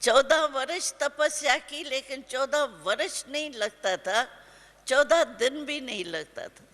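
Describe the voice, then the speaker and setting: An older woman teaching a spiritual class, telling a story gently and slowly with homely everyday examples. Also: high voice. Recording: long hall reverb.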